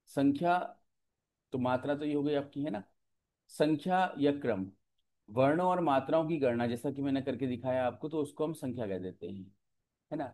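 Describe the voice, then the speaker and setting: A man with a mellow, darker voice gives an exam-prep lecture. He explains patiently, step by step, and keeps checking in with his students as he goes. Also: mid-range voice. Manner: explanatory, often checks in with "ठीक है". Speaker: teacher.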